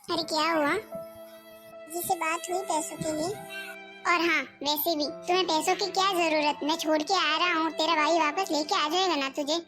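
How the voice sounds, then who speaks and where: A woman's voice: very high-pitched, fairly even intonation, moderate pace, music in the background. A woman voicing a mild, obedient young husband in a cartoon, speaking in a placating way.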